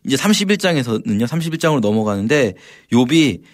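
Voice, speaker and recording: A man's voice: medium pitch, sing-song, fast. A man teaching the Bible on a radio program in a conversational way, retelling passages with feeling and frequent casual fillers. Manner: explains animatedly, acting out quoted lines with feeling; frequent filler "막", informal storytelling.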